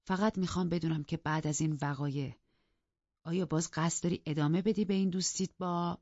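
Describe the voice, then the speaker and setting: A woman voicing a sorrowful young gentleman who presses steadily for an answer, in an audiobook. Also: lowish voice, no room sound, muffled recording, close to an everyday voice. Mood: insistent. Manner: steady, insistent and pleading. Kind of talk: audiobook character reading.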